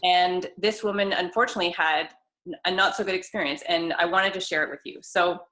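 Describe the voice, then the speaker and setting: A woman's voice: fairly low pitch, steady tone, fairly quick, fairly bright tone, rough recording. A woman co-hosting a casual video call, telling a long story with many restarts. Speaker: co-host, fitness trainer.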